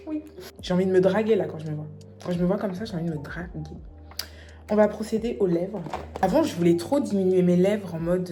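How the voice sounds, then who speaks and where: Young woman vlogger, mellow low voice, playful self-mocking makeup chat over light music. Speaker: beauty vlogger. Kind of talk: casual makeup tutorial chat.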